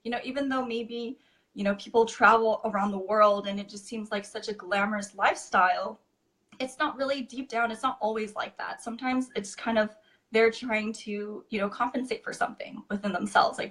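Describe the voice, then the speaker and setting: A woman's voice: mid-range voice, steady tone, moderate pace, fairly bright tone. Easygoing woman in her twenties. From California. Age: 20s. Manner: easygoing, frequent "you know" and "like". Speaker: guest. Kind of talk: casual interview chat.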